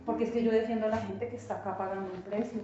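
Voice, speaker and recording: A woman's voice: medium pitch, steady tone, rapid-fire, dark tone. A woman pastor, giving an earnest, emphatic sermon and acting out quoted voices. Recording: distant, echoey, dull church sound with guitar.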